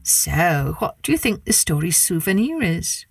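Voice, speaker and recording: Animated woman storyteller with swooping intonation. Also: on the low side, unhurried, vocal fry. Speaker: storytelling podcast host. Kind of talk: animated scripted children's folktale narration. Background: faint music.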